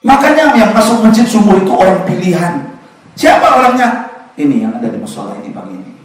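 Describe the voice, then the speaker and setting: A man preaching an emotional sermon with humorous asides, dramatic and swinging into shouts, in a small prayer hall. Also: sits high, very animated, fast talker. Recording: echoey prayer room from far off.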